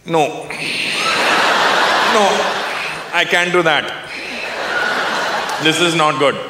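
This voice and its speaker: A man's voice: a little high, drawn-out words, heavy background noise. Man doing a shrewd Indian dealmaker. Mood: scheming. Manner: calm, persuasive, dealmaking. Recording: echoey hall, live crowd laughing.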